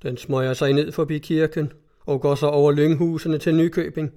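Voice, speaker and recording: A man voicing a grieving, weary old villager who speaks slowly and heavily. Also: a little high, steady tone, mellow, close to an everyday voice. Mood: sorrowful. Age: older.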